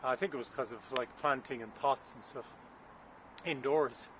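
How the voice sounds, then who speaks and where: A man's voice: medium pitch, normal speed. Man, gardening vlogger, out of breath, rambling and thinking aloud outdoors; light wind and traffic noise. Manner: chatty, thinking aloud, unsure asides. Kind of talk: casual vlog narration while digging. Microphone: camera on a stand.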